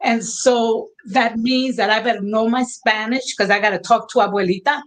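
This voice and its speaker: A woman's voice: fairly high pitch, normal speed. A woman from Brooklyn with a New York Puerto Rican accent, speaking heartfelt in a panel discussion and mixing Spanish phrases into her English. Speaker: panel guest.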